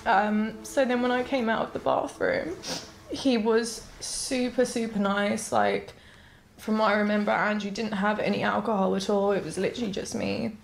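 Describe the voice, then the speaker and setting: A woman interviewed for a documentary, recounting events in a soft, halting, hesitant way. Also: mid-range voice, steady tone, vocal fry, slight background noise. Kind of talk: recounting personal experiences in an interview.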